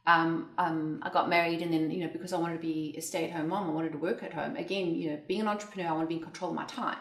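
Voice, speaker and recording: A South African entrepreneur, a woman guesting on an interview, tells her story expressively and conversationally, laughing often. She has a low voice and talks fast. The recording was made indoors at a home, in an echoey room.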